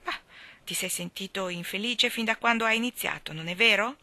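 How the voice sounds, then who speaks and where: A woman reading an audiobook, voicing a gentle, patient young woman in a soft, calm, kindly way. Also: medium pitch, a little fast, dry recording.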